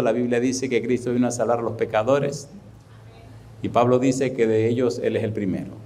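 Animated male preacher. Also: mid-range voice. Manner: animated preaching, repeats rhetorical questions; acts out dialogue in anecdotes. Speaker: pastor. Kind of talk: sermon.

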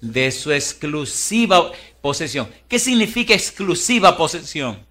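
A middle-aged man preaches a sermon in a bright, ringing voice that sits a little high for a man. He tells humorous stories in low, quiet asides, then rises into loud exhortation. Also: big pitch swings, unhurried. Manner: humorous storytelling. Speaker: pastor.

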